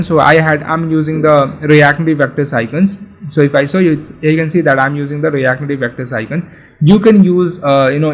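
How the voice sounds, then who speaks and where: Male coding tutor, somewhat high voice, loose and chatty delivery full of fillers and restarts. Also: rough recording. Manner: casual, repetitive, many fillers and restarts. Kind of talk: screen-share coding tutorial.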